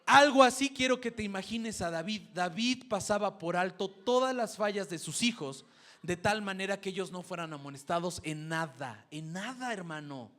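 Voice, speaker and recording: A man's voice: high-pitched, lively intonation, normal speed, a bit bright. A man preaching a sermon, telling a classroom story and acting out the parents he quotes. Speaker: preacher and schoolteacher.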